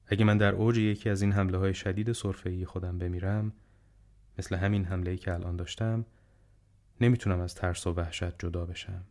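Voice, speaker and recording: A man reading an audiobook, voicing a frail, dying old man who speaks softly, slowly and wisely. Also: low-pitched, steady tone. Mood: weary calm. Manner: soft, slow, subdued speech.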